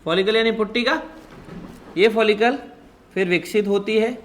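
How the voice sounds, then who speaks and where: A man's voice: high-pitched, normal speed, slight background noise. A man giving a biology class lecture, quizzing his students with constant questions and calling them "child". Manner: calls students "child" affectionately. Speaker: biology teacher.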